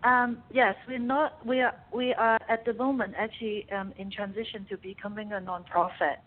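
A woman's voice: a little high, flat delivery, moderate pace. Woman on a bad call connection. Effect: bad, dropping call connection. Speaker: guest, art space director. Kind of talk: casual interview over a video call. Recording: tinny, phone-like video call line.

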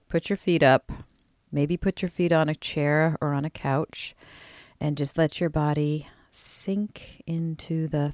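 A woman yoga teacher guiding a relaxation meditation, soft and soothing, often trailing into a breathy near-whisper, with drawn-out phrases. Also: low voice, no room sound, clean studio sound. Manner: unhurried, with drawn-out phrases and pauses.

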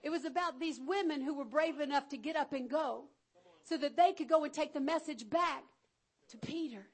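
High-voiced woman preaching. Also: normal speed. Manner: energetic, calls out to the congregation; folksy, acts out the Bible figures. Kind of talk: sermon.

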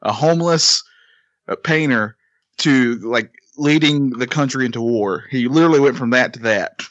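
A man's voice: mid-range voice, normal speed, a bit bright, no echo, dull audio. A man in his thirties with a mid-range voice, talking casually and hammering his points home with repetition. The recording is dry and close. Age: 30s. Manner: emphatic, repeats himself for effect. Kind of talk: casual chat.

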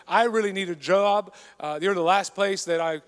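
A man's voice: high-pitched, moderate pace, pitched below the performer's own voice, lightly acted. A man voicing a desperate grown man who pleads rambling for any job. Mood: pleading. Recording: long reverb of a large hall.

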